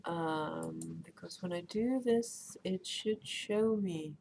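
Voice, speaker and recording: Her voice lowish, gravelly and a little mellow, a woman streamer who first spoke Danish takes things slowly as she plays, rambles casually and reads chat aloud. Faint background noise runs underneath.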